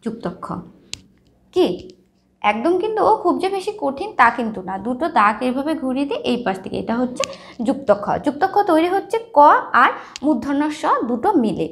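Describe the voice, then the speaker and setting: Lively high-voiced woman teaching. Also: brisk. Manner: explains step by step, checks often with the listener. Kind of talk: lesson on writing and pronunciation.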